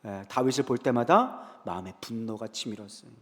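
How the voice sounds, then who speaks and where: A male pastor preaching a sermon in a church sanctuary. He retells Bible scenes in a lively way, asking the congregation questions and answering them himself. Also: mid-range voice, brisk. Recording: long reverb in a large sanctuary.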